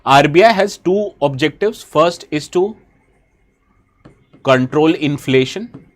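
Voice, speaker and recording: Slow and animated, a man with a fairly high-pitched voice runs a live exam-prep session while nursing a bad cold. He speaks Indian English, keeps asking his students questions, and briefly shifts into Hindi.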